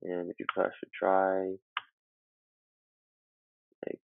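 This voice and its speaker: A man's voice: low voice, monotone, slow, gravelly, no echo. A student talking through a casual computer tutorial with lots of fillers, his voice muffled as if heard through a wall from a built-in laptop mic. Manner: loose and chatty, with many fillers. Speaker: student making a how-to video. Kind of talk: casual screen-recording tutorial. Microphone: built-in laptop microphone.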